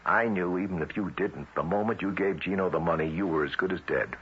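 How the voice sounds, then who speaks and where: In a 1970s radio drama, an actor plays a tough yet reassuring government lawman, wry and easygoing. His voice is low and fairly bright, and he speaks fairly quickly. The old broadcast sounds muffled and hissy.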